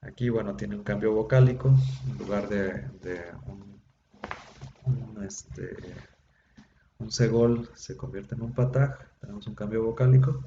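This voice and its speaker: A man teaches a Hebrew class over a video call. He explains patiently and fills pauses with little sounds, his low, dark voice carried in an echoey room. The audio is dull and has a faint hum under it. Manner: patient explaining, many fillers. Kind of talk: online class lecture.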